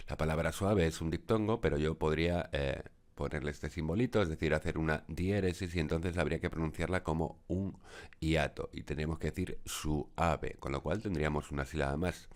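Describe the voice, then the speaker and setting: Man, very deep voice, tutorial narration, measured explanations, frequent fillers. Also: darkish tone. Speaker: teacher. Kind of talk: screen-recorded tutorial.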